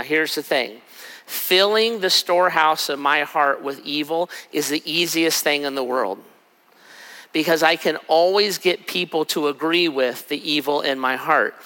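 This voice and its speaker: A middle-aged pastor delivers a sermon in a relaxed, conversational manner, occasionally breaking into quick acted-out asides. His bright voice sits a little higher than most men's and is raspy from a cold trip, and a long hall reverb trails each phrase.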